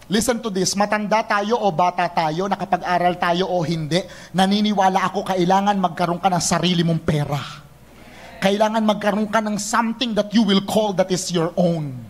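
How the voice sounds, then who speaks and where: A young man preaching a sermon, lively and teasing, switching between Tagalog and English. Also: high voice, moderate pace. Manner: animated, mixes Tagalog and English, teasing the congregation.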